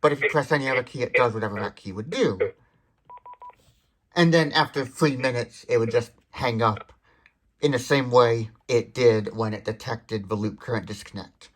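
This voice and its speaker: With a mid-range, fairly bright voice at normal speed, this man hosts a tech demonstration video. He gives hands-on product commentary, covering features methodically and in detail, one step at a time.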